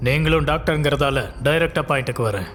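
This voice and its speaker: An actor playing an audiologist calmly explaining a rare hearing disease to a fellow doctor. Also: male voice, on the high side, fast talker, lightly acted. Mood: matter-of-fact. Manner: matter-of-fact, explanatory. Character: calm male audiologist explaining a diagnosis. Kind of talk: dubbed film drama.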